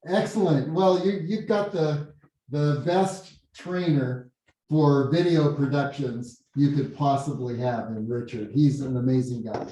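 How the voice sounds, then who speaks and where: A meeting host with a mellow, medium-pitched male voice chats casually, halting and repeating words. He sits in a meeting room with windows and blinds, far from a computer mic, and the very echoey space gives his voice a hollow, cave-like sound, as if he were speaking into a hole.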